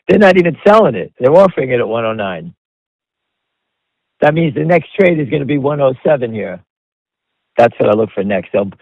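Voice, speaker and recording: This is a mid-range male voice with no room sound and the high frequencies cut off. He's hosting an unscripted stock commentary call, speaking to listeners directly in a blunt, emphatic, chatty way and saying things more than once.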